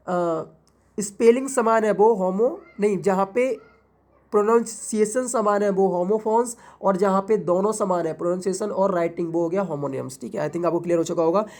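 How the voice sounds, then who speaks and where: A woman giving an English lesson for exam prep. She keeps asking questions and answering them herself, spells words out letter by letter, and reads definitions slowly. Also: medium pitch, a little mellow. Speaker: English tutor.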